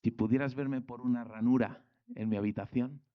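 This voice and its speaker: A young man from Spain preaching a sermon, colloquial and animated, acting out quoted voices. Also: medium pitch, moderate pace, no room sound, narrow, tinny audio.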